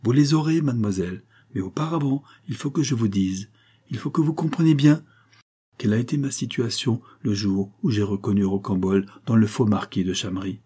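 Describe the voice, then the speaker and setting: A man reading a novel aloud, voicing a proud and commanding noblewoman with a forceful, insistent delivery. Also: on the low side, a little fast, husky.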